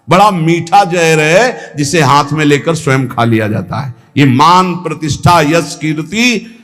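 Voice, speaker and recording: A man delivers a devotional sermon at a very unhurried pace. He stretches out the verses he quotes, half-singing them, and his voice sits a little higher than most men's. A long reverb trails every phrase, as if he speaks in a large hall. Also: fairly bright tone. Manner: slow, measured, drawing out and half-singing verses. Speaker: spiritual teacher. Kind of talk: devotional discourse.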